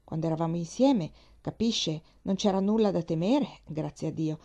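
A woman's voice: on the low side, moderate pace, warm tone. A woman reading the part of a forthright middle-aged navy wife, speaking emphatically, as if lecturing. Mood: recounting.

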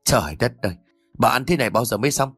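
A man narrating a story and voicing a cruel middle-aged daughter-in-law who scolds and shouts venomously. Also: mid-range voice, expressive, quick pace, slightly rough, dry recording, studio quality, faint music behind. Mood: venomous scolding.

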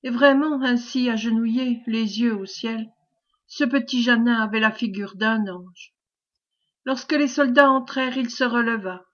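A woman reading a classic novel aloud as an audiobook, measured storytelling. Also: on the high side, fairly bright tone. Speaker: audiobook reader. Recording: dull lo-fi recording.

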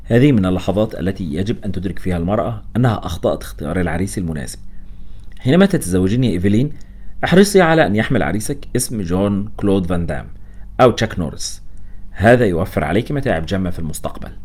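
A man voicing a restless, sarcastic young male doctor with a quick wit. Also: low-pitched, expressive, a little mellow, husky.

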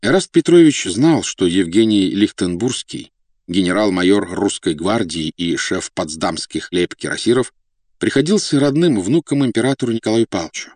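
A man narrating a historical novel as an audiobook in a measured, expressive reading. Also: on the low side, no echo. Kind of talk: scripted narration.

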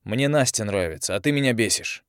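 A man's voice: on the low side, lively intonation, fairly quick, a bit bright, clear, resonant tone, no echo, clean studio sound, pitched above the performer's own voice. A male audiobook reader voicing an irritable, aggressive young man who works as a magic operative. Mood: angry. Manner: aggressive, exasperated.

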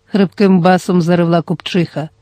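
A reader narrating an audiobook in a steady, measured storytelling manner. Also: medium pitch, no echo.

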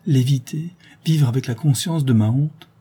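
A man voicing an old male miller who is gruff and proud, talking in short, abrupt outbursts, in an audiobook reading. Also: mid-range voice, moderate pace, warm tone, pitched above the performer's own voice. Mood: ashamed.

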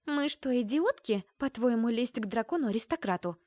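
A woman's voice: on the high side, lively intonation, moderate pace, darkish tone, no room sound, voice pushed up. A grumbling young woman student, played by a woman narrator in a fantasy audiobook. She smirks and scolds her friends. The sound is dry and close.

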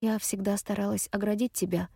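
Within an audiobook, a guarded older sister speaks in a soft, unsteady, hushed voice, as the woman narrating puts her on. The sound is close and dry, with no room around it. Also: mid-range voice, flat delivery, fairly quick, gravelly, husky, no room sound. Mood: confessing.

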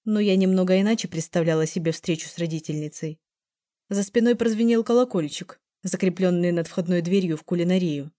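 Woman, audiobook narrator, first-person story, mellow dark tone, dry close mic. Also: fairly low pitch, fairly quick, dry recording.

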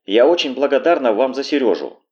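A man reading aloud voicing a desperate middle-aged mother who pleads and then bursts into furious shouting. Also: medium pitch, expressive, fairly quick, highs cut off, voice pushed up, close to an everyday voice. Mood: pleading.

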